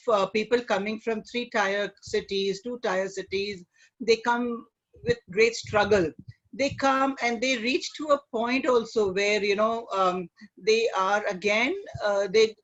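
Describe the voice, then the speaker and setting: A middle-aged woman with an Indian accent talks as a guest in a conversational interview. She phrases things haltingly and often tags them with "you know". The audio is dull and lo-fi, as on an online call. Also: a little high. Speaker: guest, image consultant.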